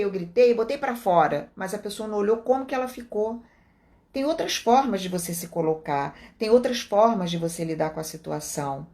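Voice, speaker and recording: Calm Brazilian woman explaining meditation. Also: on the low side. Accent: Brazilian Portuguese. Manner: calm, explanatory, speaks slowly when quoting meditation cues. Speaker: meditation teacher. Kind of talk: live talk explaining guided meditation.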